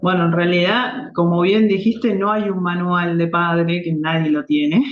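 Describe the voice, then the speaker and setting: A woman's voice: fairly low pitch, steady tone, measured pace. Rioplatense woman explaining, echoey dull sound. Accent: Rioplatense Spanish. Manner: reflective, explanatory, with frequent restarts. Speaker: reflexology therapist guest. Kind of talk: conversational interview. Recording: echoey, dull lo-fi remote audio.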